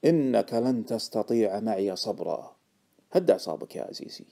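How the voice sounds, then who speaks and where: A man's voice: fairly low pitch, expressive, vocal fry, mellow. Man playing a cool, shrewd old trader. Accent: Gulf Arabic. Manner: cool, unhurried, dry. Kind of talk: audiobook character voice.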